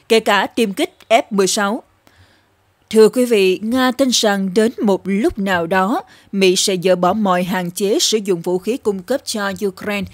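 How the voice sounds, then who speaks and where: A woman presenting scripted news in a formal, measured newsreader delivery. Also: medium pitch, dry recording.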